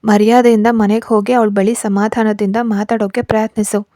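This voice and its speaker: A woman's voice: mid-range voice, level tone, moderate pace, dark tone, dry recording, studio quality, close to an everyday voice. A woman reading a stern, advising male friend. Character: firm, reproachful male friend.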